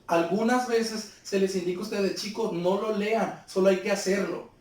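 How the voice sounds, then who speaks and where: Brief: male teacher, patient explainer, higher voice, distant from mic. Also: steady tone, normal speed, a little mellow, slight background noise. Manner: patient, explains step by step with questions to pupils. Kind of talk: remote class lesson. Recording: very echoey room, far from the mic.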